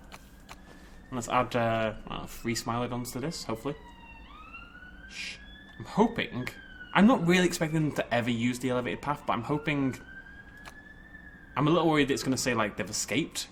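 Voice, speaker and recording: A man's voice: medium pitch, a little hiss or hum. A man giving casual, informal game commentary, thinking aloud and playfully talking to the game. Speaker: gaming video host.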